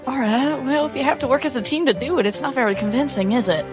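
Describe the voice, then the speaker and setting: A man's voice: very high voice, fast, music in the background, pitched above the performer's own voice. A man voicing a witty young woman who teases her rivals. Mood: teasing. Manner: dry, teasing.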